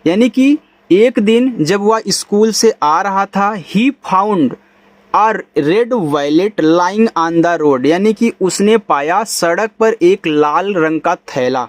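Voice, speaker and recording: A man teaching English reading, spelling words letter by letter, then saying them slowly. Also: high voice, dry recording. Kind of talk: spelling-out phonics lesson.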